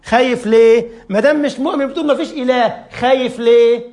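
A man's voice: very high-pitched, racing, darkish tone. A man with an Egyptian accent preaching a sermon, firing off rhetorical questions and acting out the people he argues against. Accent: Egyptian Arabic.

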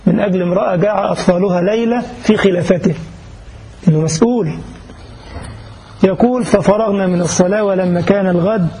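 A man's voice: high-pitched, warm tone, slight background noise, poor audio. A man preaching a sermon, retelling a story dramatically and with emphatic exclamations.

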